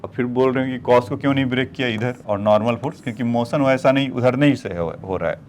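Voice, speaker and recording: A man teaches physics at a mid pitch, walking his students through each problem step by step and calling them children as he goes. A faint hiss of background noise sits under his voice. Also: quick pace, darkish tone. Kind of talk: whiteboard problem-solving lecture.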